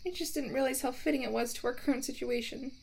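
A young woman voicing a playful camping companion who talks straight to the listener. She teases, giggles, and drops into a hushed voice to tell a ghost story. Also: high voice, steady tone, fast, gravelly, a little hiss or hum. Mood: sheepish scared. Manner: teasing, breaks into giggles. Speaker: voice actor in a listener roleplay. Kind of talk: first-person audio roleplay addressed to the listener.

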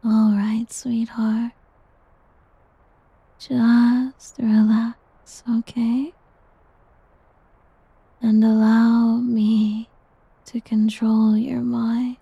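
A woman voicing a doting, possessive slime creature in an ASMR roleplay, whispering softly and teasingly. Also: fairly high pitch, level tone, extremely slow, pauses often, dry recording, full character voice. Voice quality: breathy. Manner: soft whispering, teasing and coaxing. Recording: dull lo-fi audio.

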